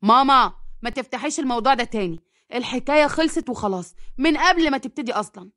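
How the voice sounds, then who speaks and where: A woman's voice: sits high, animated, fast, a bit bright. A woman voicing a curt, upset young man with an Egyptian accent who speaks in clipped lines.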